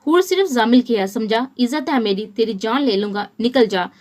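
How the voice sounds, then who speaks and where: A woman's voice: a little high, normal speed, lightly acted. A woman reading as a stern possessive young husband. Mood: furious.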